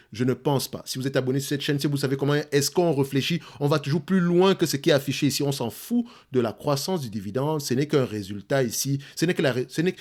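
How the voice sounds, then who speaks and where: A man's voice: mid-range voice, darkish tone. Man, Cameroonian French accent, mid-range voice; emphatic teacher explaining investing, repeats key points. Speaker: investing channel host. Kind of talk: explaining stock analysis to viewers.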